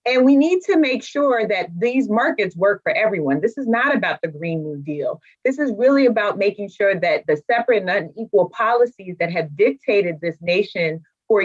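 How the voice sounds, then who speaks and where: A woman speaking as an expert guest, giving formal policy commentary in an interview, on dull lo-fi audio. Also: mid-range voice.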